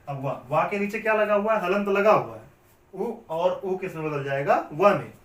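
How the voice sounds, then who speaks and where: A man teaching Hindi grammar in a classroom lecture. He asks questions and answers them himself, repeating each step. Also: on the high side. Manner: repetitive, explains step by step. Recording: echoey room, mic at a distance.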